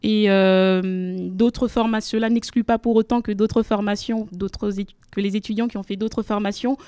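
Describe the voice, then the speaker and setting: On a clean studio recording without echo, a young Congolese woman from the DRC, a law student, answers radio interview questions formally and hesitantly, with plenty of fillers. She speaks at normal speed in a smooth, mellow, mid-range voice with little pitch movement, into a studio microphone.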